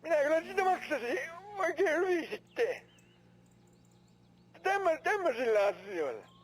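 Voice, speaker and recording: An actor playing an older rural farmer neighbor, rambling hesitantly on a phone call in a game. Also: male voice, extremely high pitch, big pitch swings. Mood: asking a favor. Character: older male Finnish farmer neighbor calling.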